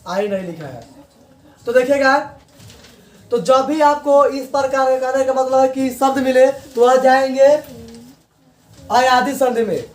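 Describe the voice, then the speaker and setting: A man's voice: very high voice, unhurried, long pauses. Echoey far-off male grammar teacher. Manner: repeats key points as questions to the class. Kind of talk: classroom grammar lesson.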